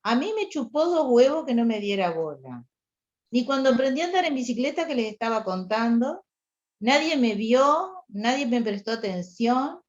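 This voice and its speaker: A woman with a Rioplatense Spanish accent speaks up in an online class, her voice somewhat high. She talks candidly and bluntly about her own past. The sound comes through a dull, lo-fi line. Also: very animated, moderate pace. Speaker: workshop participant. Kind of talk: personal sharing in a class.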